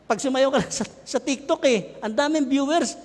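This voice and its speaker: A middle-aged Filipino man preaching a lively sermon, joking and shouting with his congregation. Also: very high voice, moderate pace. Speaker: pastor. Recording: long hall reverb.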